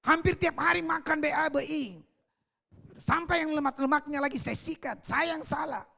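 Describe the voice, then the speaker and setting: A preacher acting out a calm self-blaming old man. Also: extremely high pitch, normal speed, vocal fry, full character voice. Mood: resigned. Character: calm older stroke-stricken man blaming himself.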